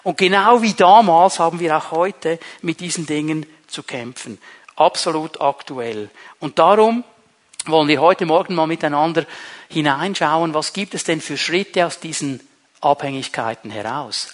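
A man's voice: a little high, a bit bright. A man preaching a sermon to a congregation, emphatic and repeating key phrases. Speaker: pastor. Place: church.

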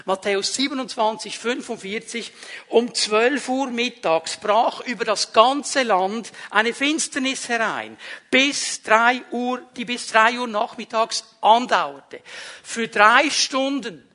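Male preacher, very high voice, emphatic and rising in force through repetition. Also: takes it slowly. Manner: emphatic, building to loud repeated phrases. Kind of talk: sermon.

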